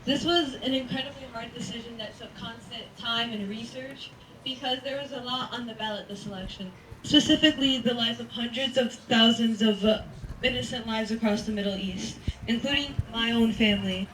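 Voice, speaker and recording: A woman's voice: on the high side, fairly bright tone. A nineteen-year-old American woman giving an earnest, prepared statement at a press conference. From United States. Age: young adult. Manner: earnest, measured, reading prepared remarks. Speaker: first-time voter giving a statement. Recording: echoey room, mic at a distance, faint noise.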